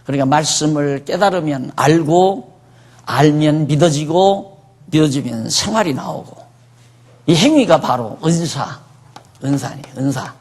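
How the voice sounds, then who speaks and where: A man's voice: a little high, lively intonation, unhurried, a little mellow. A man preaching a sermon in a conversational way, often asking his listeners questions. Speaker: pastor.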